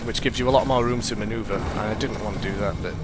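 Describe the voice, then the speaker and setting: Heavy background noise surrounds a young gamer with a lowish voice who speaks quickly while commenting on his own play. He sounds congested and sniffly, rambles, self-corrects, and gets excitable in his reactions.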